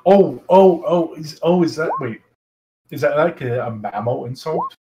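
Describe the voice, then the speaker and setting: A man's voice: fairly high pitch, lively intonation, measured pace, noisy background. A man playing a tabletop game, chatting casually and asking questions.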